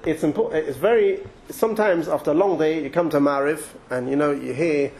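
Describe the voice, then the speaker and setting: A man with an English accent teaches Torah in a loose, conversational way. His voice sits a touch high, and he often restarts and wanders into asides as he thinks aloud. A faint ambient hiss lingers behind him. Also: a little fast, a little mellow. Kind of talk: informal Torah talk.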